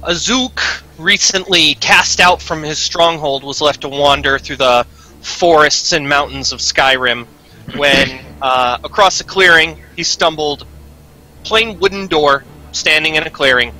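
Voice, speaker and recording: A man's voice: a little high, measured pace, bright, forceful tone. A man narrating his character's backstory in the third person during a tabletop game. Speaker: player.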